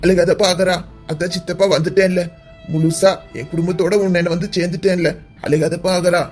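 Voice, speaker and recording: A man's voice: high voice, flat delivery, fairly quick, darkish tone, faint music behind, natural voice. Man voicing a tearful village uncle. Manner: heartfelt, tearful, fond. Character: middle-aged village uncle, emotional, remorseful, loving. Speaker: uncle and father. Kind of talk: cartoon voice acting.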